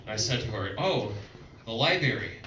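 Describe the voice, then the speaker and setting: Young guy doing stand-up, loud playful storytelling, echoey club, mic kinda far. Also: on the low side, very animated, moderate pace, muffled recording. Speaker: stand-up comedian. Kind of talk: stand-up comedy set. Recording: echoey club, mic heard from a distance, noisy crowd.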